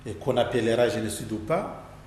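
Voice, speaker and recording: A man from Rwanda answering interview questions earnestly and deliberately, pausing and restarting his phrases. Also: mid-range voice, a little mellow, echoey room, big-room sound, a little hiss or hum. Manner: deliberate, with frequent restarts and pauses.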